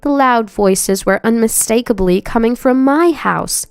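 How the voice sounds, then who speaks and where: Faint music underlies a woman's even, scripted first-person narration, which she delivers at a measured pace. Her voice is smooth, clear and mid-pitched, captured close and dry with no room sound.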